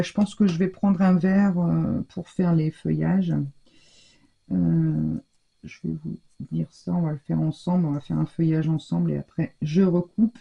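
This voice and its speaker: A woman's voice: lowish voice, gravelly, warm tone, husky. An older woman chatting casually through a scrapbooking tutorial from her home craft room, thinking aloud as she works. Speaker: scrapbooking vlogger. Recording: dull lo-fi sound.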